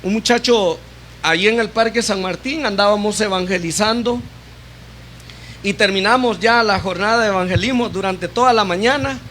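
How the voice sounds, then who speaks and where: Man, deacon, sermon in church, high voice, faint background noise. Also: moderate pace, a bit bright. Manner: addresses the congregation as brothers and sisters; asks frequent rhetorical questions.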